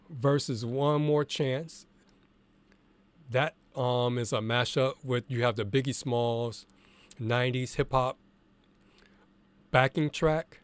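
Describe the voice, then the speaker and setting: A man's voice: medium pitch, clear, resonant tone, no echo. Congested man talking through his DJ prep. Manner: relaxed and candid, thinking aloud with fillers. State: congested from allergies, morning voice. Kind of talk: casual screen-share tutorial.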